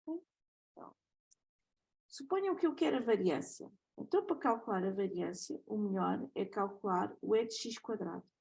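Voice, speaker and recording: A woman lecturer with a European Portuguese accent works through a math lesson, methodical and checking in with her students often. Her voice is husky with a gravelly creak. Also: medium pitch, expressive, normal speed, a little mellow, poor audio.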